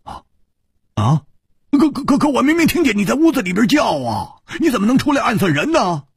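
A man putting on a brash young swordsman, loud and high, tripping over his words in quick, stammering bursts, with a husky edge and a dry, close sound. this is a story reading. the voice leaps up and down a lot. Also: huge pitch swings, no room sound, heavily acted. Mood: excited.

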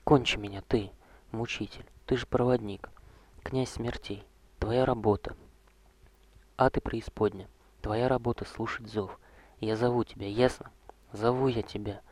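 Narrator doing a broken necromancer king, husky low voice, begging and bitter. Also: fairly even intonation, unhurried, long pauses. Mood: anguished. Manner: anguished, pleading, raw and loud at times. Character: despairing male necromancer king, self-loathing.

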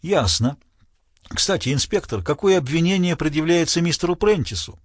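A man's voice: on the high side, lively intonation, moderate pace, dry recording, studio quality, pitched above the performer's own voice. A man reading an audiobook, playing a witty lawyer who needles a policeman with ironic courtesy. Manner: ironic, thoughtful, teasing. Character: witty, sardonic male lawyer, mock-polite.

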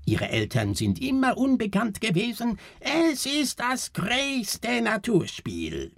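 A man voicing a brash female fairground barker who shrieks her announcements slowly in a strange dialect. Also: very high-pitched, huge pitch swings, creaky, dry recording, clean studio sound, pitched above the performer's own voice, full character voice. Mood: shrill announcing. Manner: shrieking, drawn-out, foreign dialect.

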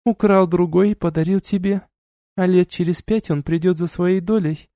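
A man reading an audiobook and voicing a cold, scornful noble duchess who lectures in a measured, sarcastic way. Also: sits high, fairly even intonation, mellow, dry recording, studio quality.

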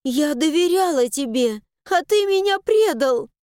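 A woman voicing Mila, a stubborn young village girl, with a high, indignant, pleading delivery in an audiobook. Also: lively intonation, unhurried, a little mellow, no echo, clean studio sound. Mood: furious. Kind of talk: audiobook character voice.

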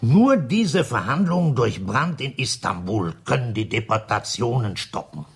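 An actor playing a grave middle-aged committee leader in a radio drama, speaking in a husky, earnest, formal manner. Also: male voice, mid-range voice, sing-song, measured pace, heavily acted. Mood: urgent. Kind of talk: 1960s-style radio drama acting.

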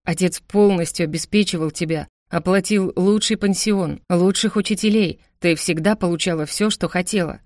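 A woman's voice: lowish voice, moderate pace, few pauses, no room sound, clean studio sound, natural voice. A woman doing a cold stern older brother. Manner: calm, cold and clipped. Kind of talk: audiobook character voice.

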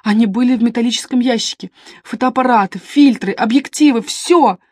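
A woman's voice: on the high side, fairly quick, a little mellow, no echo, clean studio sound, natural voice. A woman voicing an anxious young female photographer in an audiobook, speaking in an agitated, emphatic way. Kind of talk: audiobook character reading.

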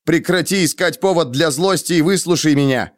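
A man's voice: mid-range voice, lively intonation, moderate pace, no room sound, lightly acted. A male audiobook reader voicing a proud, defensive young man who speaks in a heated, biting way. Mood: angry. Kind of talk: audiobook character reading.

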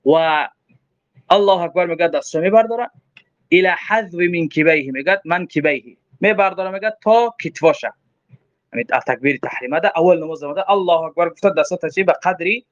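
A man with a Tajik accent teaching from a religious text, quoting Arabic phrases and explaining them, often asking himself questions before answering. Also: on the high side. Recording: dull lo-fi recording.

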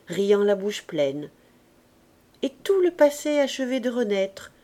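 A woman narrating a classic novel as an audiobook reader, in a clear, measured literary reading. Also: medium pitch, mellow.

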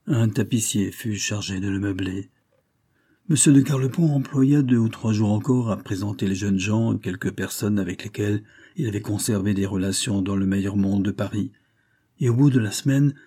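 Low husky male audiobook narrator. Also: mellow. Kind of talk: scripted narration of a novel.

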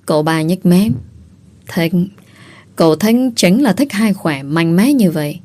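A woman reading a story aloud as audiobook narrator. Her voice sits on the low side and her delivery stays even and steady. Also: unhurried.

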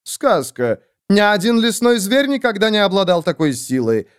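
A man's voice: high-pitched, big pitch swings, normal speed, smooth, voice pushed up. A man voicing a hot-headed, defiant young male nobleman in an audiobook. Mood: taunting.

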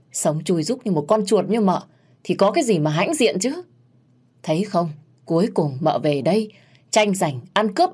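A woman voicing a bold young servant woman who answers with quick, cutting retorts. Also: lowish voice, a little mellow, husky.

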